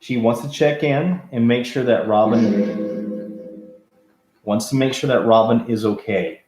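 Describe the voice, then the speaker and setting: A man's voice: mid-range voice, unhurried, darkish tone. A man hosting a live spirit box session, talking to a ghost in short, polite, earnest questions and requests. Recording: echoey room sound.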